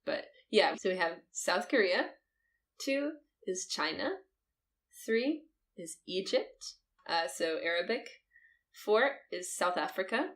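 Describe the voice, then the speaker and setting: A woman co-hosting a podcast chats casually and upbeat, laughing often. Her voice is lowish and a bit bright, animated yet slow-paced.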